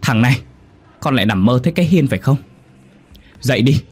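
A man's voice: on the low side, moderate pace, a little mellow, husky, faint music behind. A man voicing a protective, doting older mother who soothes her son in a storybook horror tale. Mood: scolding.

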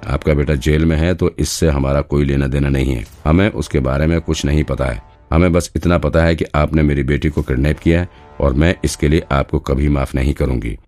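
A man's voice: extremely low pitch, a little mellow. A man voicing a protective young wife and mother who speaks in a stern, commanding way in an audiobook.

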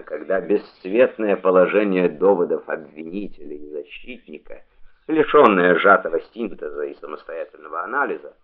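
A man reading a memoir aloud as an audiobook narrator, in a measured literary delivery, on a tinny phone-like recording. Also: on the low side.

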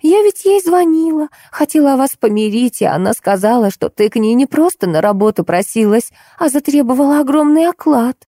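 A woman reads an emotional young mother in a noticeably raised, shrill pitch, slowing down and stretching her words when she pleads. The tone stays mellow and dry, like a close audiobook read. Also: very animated, dry recording, exaggerated voice. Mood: defensive.

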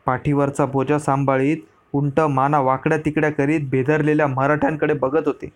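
A man narrating a historical story as an audiobook reading, in a steady storyteller delivery. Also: on the high side, normal speed.

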